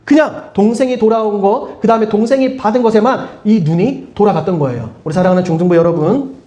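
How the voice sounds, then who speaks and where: A man's voice: high voice, fast talker, mellow, highs cut off. A man preaching as a pastor to a middle-school youth group, asking the listeners many questions and leading them in group reading. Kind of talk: youth sermon. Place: church hall. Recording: echoey room.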